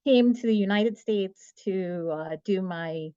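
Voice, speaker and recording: A woman in her forties from Trinidad and Tobago, giving a measured, explanatory webinar talk as guest speaker over a video call. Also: medium pitch, dark tone, clear, resonant tone, no echo, dull audio. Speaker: guest speaker, medical writer. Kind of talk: webinar presentation.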